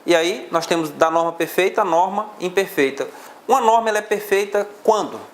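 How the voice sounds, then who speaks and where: A male law teacher with a high, fairly quick voice and a Brazilian Portuguese accent lectures a class on exam questions, explaining each one step by step.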